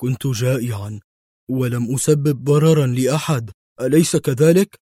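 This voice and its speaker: A man's voice: medium pitch, moderate pace, mellow, no room sound, studio quality, close to an everyday voice. A man reading a sheepish forger. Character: forger agent, cheeky hungry man.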